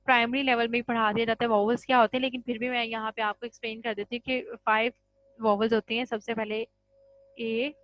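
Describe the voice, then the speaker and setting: A woman's voice: on the high side, flat delivery, quick pace, no room sound, highs cut off. A woman teaching English grammar in a patient classroom style, mixing Hindi with English terms and checking in with "ठीक है?" after each point. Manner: addresses students as children.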